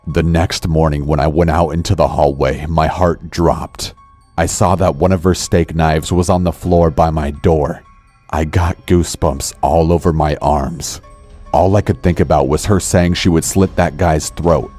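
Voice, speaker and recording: A man narrating a scripted horror story in a calm, measured way. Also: very deep voice. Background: faint music.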